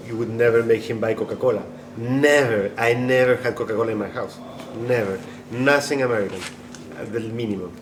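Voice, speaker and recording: Man, from Chile, casual rambling interview talk, echoey room, background noise. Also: mid-range voice. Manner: rambling, many restarts and fillers. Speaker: band member interviewee. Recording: echoey room with noisy ambience.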